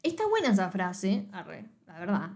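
A woman's voice: mid-range voice, wildly swooping pitch, normal speed, a little mellow. A young woman with a Rioplatense Spanish accent co-hosting a podcast, talking casually about a film, blunt and sarcastic, swearing freely. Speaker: podcast co-host reviewing a film. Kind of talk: casual chat.

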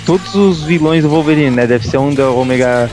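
A man's voice: fairly high pitch, a little fast. A man with a Brazilian accent hosting a podcast in a casual, conversational way, often adding tag questions. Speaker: podcast host. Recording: music playing behind the voice. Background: background music.

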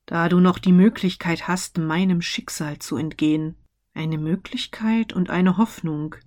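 Frau spricht den klagenden, gefesselten Geist. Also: female voice, on the low side, steady tone, unhurried, a little mellow, natural voice. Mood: warning. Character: ghost of a dead old businessman, chained, mournful.

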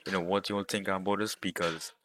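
In a casual vlog, a man talks directly to his viewers in a low, bright, forceful voice that barely moves in pitch. He speaks fast and rambles, full of fillers and slang, and the recording is dry.

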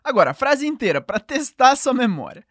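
A woman teaching a language lesson, clear and patient, slowing down to model each phrase. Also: sits high, very animated, no echo, studio quality. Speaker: French teacher.

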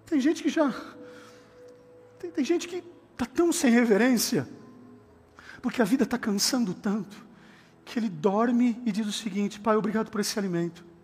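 A high-pitched man delivers an impassioned sermon as a pastor, dropping to quiet earnest talk and rising to shouts. His voice carries a long hall reverb, with faint music underneath. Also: unhurried, long pauses, husky. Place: large church hall.

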